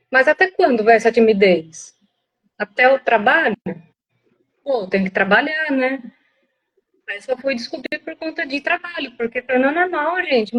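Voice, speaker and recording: Young woman, high voice, talks about her life kinda halting and soft, repeats stuff. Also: muffled recording. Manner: candid, halting, repeats herself; often speaks softly to avoid sounding rude. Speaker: guest sharing her experience. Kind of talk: personal testimony in conversation.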